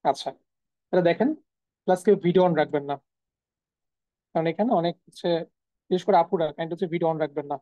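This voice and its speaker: A woman's voice: on the low side, fast talker, pauses often, no echo, highs cut off. A woman teaching a live online class, repeating each sound several times and answering her own questions. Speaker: German language teacher. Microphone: video call.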